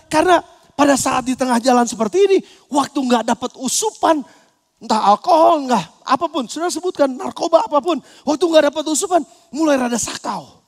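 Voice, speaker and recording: A man pastor preaching a sermon, animated and acting out quoted voices, at times breaking into shouts. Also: very high voice. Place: church hall. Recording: long church hall reverb.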